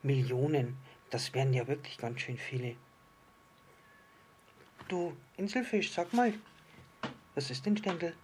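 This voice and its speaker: A man voicing a curious, eager little star child in a storybook reading, full of excited questions. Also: medium pitch, unhurried, pauses often, a little hiss or hum, close to an everyday voice. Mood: wondering.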